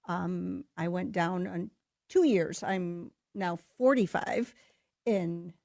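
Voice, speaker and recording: A woman's voice: fairly low pitch, slow, creaky, darkish tone, no echo, clean studio sound. A woman in her fifties co-hosting a health radio show, speaking in an earnest, agreeable and casual way. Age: 50s. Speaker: radio co-host. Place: radio studio.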